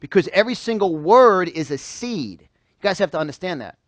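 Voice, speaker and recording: This New York motivational speaker addresses a small live audience at a seminar, emphatic and repetitive, throwing question after question at them. He has a high voice with big pitch swings and talks at a normal speed, with no room sound audible.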